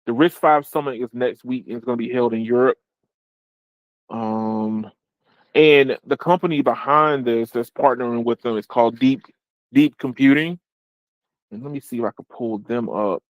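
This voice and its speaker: A man's voice: mid-range voice, moderate pace, no room sound. Rambling man hosting a tech podcast. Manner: rambling, restarts, laughs often. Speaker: podcast host. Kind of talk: casual tech podcast chat.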